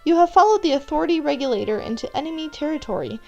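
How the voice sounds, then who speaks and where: A woman with a high-pitched, expressive, warm voice and some vocal fry rattles off scripted second-person narration at rapid-fire speed, addressing the listener as the character. The audio is dull, with music playing behind.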